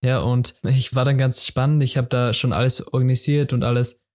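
A young man hosts a solo podcast, talking casually in a loose, repetitive way full of fillers and restarts. His medium-pitched voice has a darkish tone and level intonation, and he speaks a bit fast.

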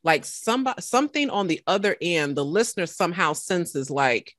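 A podcaster guest telling an emotional faith story in a conversation, animated and full of restarts. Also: mid-range voice, moderate pace, no room sound, clean studio sound. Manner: animated, faith-filled testimony with many restarts.

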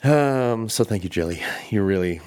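A man with a very low voice hosts a solo podcast. He rambles in a loose, candid way and swears freely. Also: normal speed. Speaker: podcast host. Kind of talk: casual solo podcast monologue.

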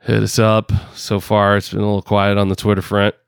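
A man with a low, gravelly, yet clean and full voice rambles through a casual podcast chat. He laughs often and leans on fillers, hamming up a New York accent. The recording is dry and close to the mic. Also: completely flat delivery, brisk, no echo. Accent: put-on New York. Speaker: podcast host. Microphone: headphones and home podcast rig.

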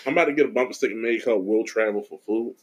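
A man's voice: fairly low pitch, very fast, a little mellow. A man hosting his podcast, talking in with blunt, joking banter. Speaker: podcast host. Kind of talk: casual podcast chat.

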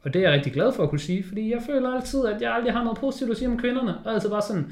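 A man co-hosting a casual film discussion, swearing freely and acting out scenes in quick quoted voices. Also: extremely high pitch. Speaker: podcast co-host. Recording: roomy echo.

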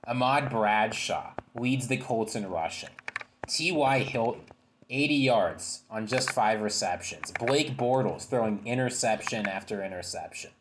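A man's voice: fairly low pitch, animated, unhurried, noisy background. A man in a casual sports chat, telling a story with a dramatic setup. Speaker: panelist.

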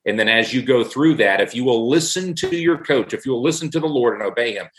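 A middle-aged man speaks at an ordinary mid pitch in a casual faith discussion. He tells stories earnestly and drives his point home by repeating phrases. The recording has a roomy echo. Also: expressive, fast talker, fairly bright tone, slight background noise.

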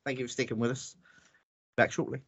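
A man's voice: mid-range voice, flat delivery, brisk, very noisy. A man hosting a casual gaming podcast, blunt and dismissive, laughing now and then. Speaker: podcast host. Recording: dull, slightly lo-fi, dry sound.

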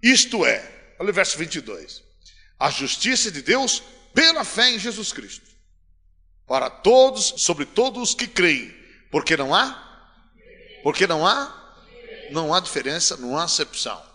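Lively preacher man, echoing hall. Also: high voice, moderate pace. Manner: preaching with swings from soft to loud, calls to the congregation. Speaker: pastor. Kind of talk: sermon. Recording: long hall reverb.

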